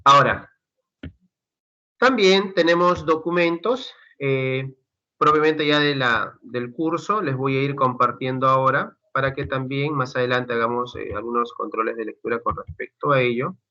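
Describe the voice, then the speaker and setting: A male lecturer teaching a class over a video call, loose and conversational as he talks his students through the readings. His voice is bright and forceful, and the lo-fi call audio sounds dull and muffled. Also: medium pitch, normal speed. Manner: conversational, addresses students as chicos, many fillers. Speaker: university lecturer. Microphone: computer mic on a video call.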